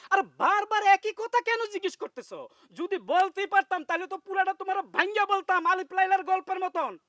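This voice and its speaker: A man's voice: very high-pitched, expressive, sharp tone, no room sound, exaggerated voice. An actor playing a husband who swings from sweet-talking to bullying his wife, in a comedic TV drama. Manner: blustering, quickly shifting from sweet-talk to bullying.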